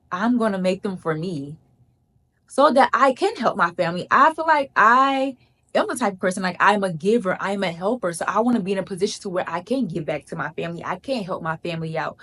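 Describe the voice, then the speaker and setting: A woman in her 30s, a vlogger, offers casual advice to the camera in a mid-range, fairly bright voice. She's emphatic and chatty, repeats lines for emphasis, and calls her viewers "girl."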